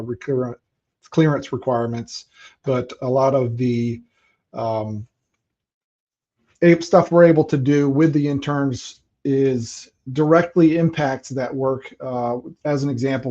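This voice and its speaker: A man's voice: mid-range voice, mellow. A man giving an informal company presentation at an online recruiting event, often searching for his words. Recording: dull, lo-fi webinar audio.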